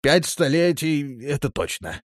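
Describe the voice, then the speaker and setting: A man doing a shrill, panicky thug yelling high. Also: big pitch swings, measured pace, no echo, studio quality. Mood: whining. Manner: yelling, pleading, sobbing. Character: panicky burly male thug, shrill and whining. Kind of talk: audiobook character voice.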